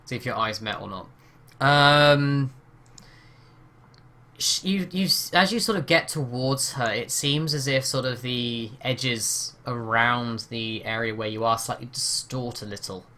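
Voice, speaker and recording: A man's voice: medium pitch, unhurried, sharp tone. A man narrating as game master of a tabletop game, hesitant and full of "um" and "sort of" fillers.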